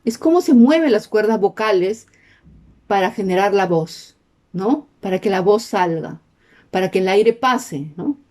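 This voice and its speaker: A woman's voice: mid-range voice, expressive, unhurried, darkish tone. A woman teaching a class, explaining step by step and checking in with her listeners through frequent questions. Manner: peppers sentences with questions to the class. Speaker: sign language teacher.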